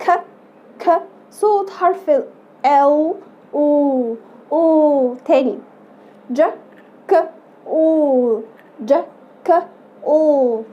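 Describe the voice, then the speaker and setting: A woman with an Egyptian Arabic accent teaching English letter sounds to children, slowly and patiently repeating each sound. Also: sits high, warm tone, muffled recording. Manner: patient, slow repetitive drilling of letter sounds. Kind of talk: children's phonics lesson.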